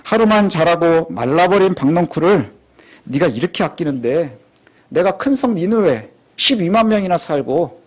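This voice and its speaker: A man voicing God as a calm male deity who gently questions and reproves a prophet, in a lower register than his preaching voice. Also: moderate pace. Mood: patient reasoning.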